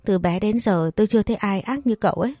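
A woman voicing a bold, hot-tempered young wife who speaks in a sharp, indignant way. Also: mid-range voice, fast talker, no echo, clean studio sound, pitched above the performer's own voice, natural voice.

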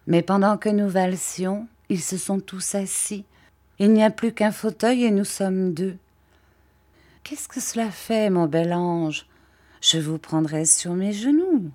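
A woman narrating a classic tale aloud with a measured, expressive delivery. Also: on the low side. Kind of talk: literary story reading.

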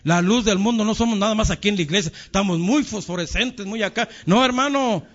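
A man preaching a sermon in a folksy, animated way, often calling out "hermanos". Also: high-pitched, fairly quick. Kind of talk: sermon with a personal story. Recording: dull lo-fi recording.

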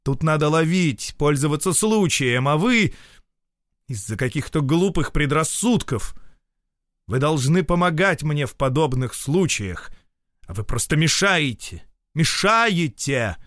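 A man's voice: medium pitch, big pitch swings, moderate pace, darkish tone, no room sound, studio quality, close to an everyday voice. Man doing a peevish, domineering husband. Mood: peevish, lecturing. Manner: peevish, lecturing, insistent. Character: irritable, domineering official husband.

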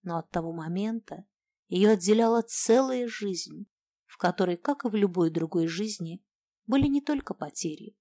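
A woman narrating a detective novel in an even, measured storytelling voice. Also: mid-range voice, no room sound, studio quality. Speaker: audiobook narrator. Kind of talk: scripted narration.

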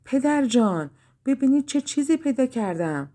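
A woman voicing an excited young princess in a storybook reading. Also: medium pitch, close to an everyday voice. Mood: delighted.

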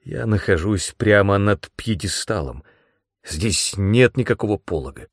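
A man's voice: lowish voice, animated, a little slow, dry recording, studio quality. A man reading aloud, voicing a young male apprentice magician who speaks in an anxious, exclaiming way. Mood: tense.

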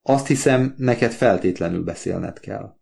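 A man's voice: on the low side, creaky, a little mellow. A man voicing an earnest, talkative older father in an audiobook, pleading and heartfelt. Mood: wounded. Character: warm talkative older working-class father. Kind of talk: audiobook character voice.

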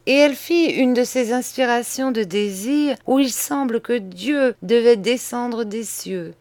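Slow, measured woman reading literature aloud. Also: a little high, darkish tone, no room sound. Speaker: audiobook narrator. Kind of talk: scripted literary narration.

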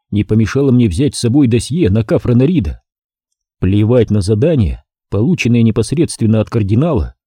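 A man's voice: mid-range voice, dark tone, slightly rough, dry recording. A man reading a first-person audiobook in an intense, brooding way, recorded close and dry. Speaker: audiobook narrator. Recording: dry close-miked studio sound.

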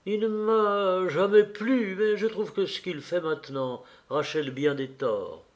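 A man voicing an older society princess who speaks in a knowing, animated way in a read novel. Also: sits high, measured pace, dull audio, pitched above the performer's own voice. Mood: gossipy.

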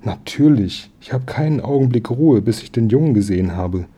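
A man's voice: medium pitch, expressive, normal speed, mellow, breathy edge. A man reading aloud and voicing an anxious, fretful mother who is a hairdresser, with flustered exclamations. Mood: agitated.

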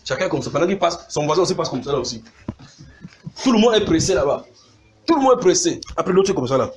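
A man preaching a sermon, animated, mimicking sounds and calling out to his congregation. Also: a little high, fast talker, slight background noise.

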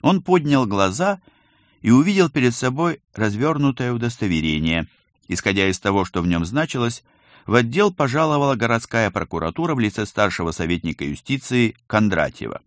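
A man narrating an audiobook in an expressive storytelling manner. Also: mid-range voice, fairly quick, no room sound, clean studio sound. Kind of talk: scripted narration.

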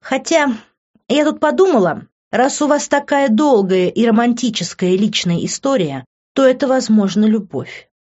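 A woman reading an audiobook, voicing a furious young woman who shouts, curses and mocks. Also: on the high side, expressive, normal speed, pitched above the performer's own voice. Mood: scornful. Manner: shouting, cursing, scornful. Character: furious young woman, sharp-tongued, betrayed. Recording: dull lo-fi recording.

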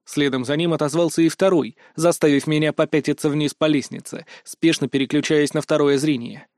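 Male audiobook narrator, tense and expressive, a bit high, dry close mic. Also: brisk, no room sound. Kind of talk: first-person audiobook narration.

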